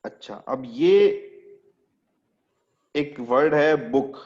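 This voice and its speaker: A man's voice: medium pitch, steady tone, very slow, lo-fi sound. A man teaching an English class online, explaining step by step and quizzing his students as he goes.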